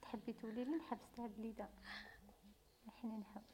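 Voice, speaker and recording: A woman's voice: on the high side, fairly even intonation, fast, crowd noise. A woman with an Algerian accent interviewing people, probing and repeating her questions to coax answers. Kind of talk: street-style interview, questioning.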